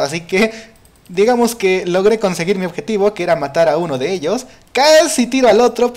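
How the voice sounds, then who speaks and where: A man gives casual commentary while playing a game. He talks to his viewers in a chatty, excitable way, with frequent exclamations and quick laughs. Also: sits high. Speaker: gaming video creator.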